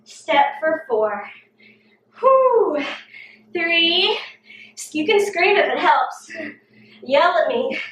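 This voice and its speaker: Woman fitness coach, winded, high voice, slow steady cues, recorded from a distance. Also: slight background noise. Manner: coaching, encouraging, breathy exclamations between cues. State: out of breath. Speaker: fitness instructor. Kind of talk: workout video instruction. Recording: roomy echo, distant mic.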